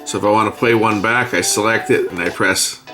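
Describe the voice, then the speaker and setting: This middle-aged reviewer's voice is on the low side, pushed and bright, with fairly even intonation, and faint music plays behind him. At an indoor workbench he gives a casual hands-on demo, unhurriedly talking himself through menus as he presses buttons.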